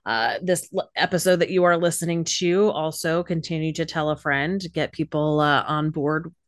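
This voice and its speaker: A woman co-hosting a casual podcast, talking loosely with plenty of fillers as she signs off. Her voice sits a little low. The sound is dry and close, with no room around it. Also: normal speed, no echo. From Florida. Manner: relaxed, chatty, wraps up with sign-off plugs. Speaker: podcast co-host. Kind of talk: casual chat.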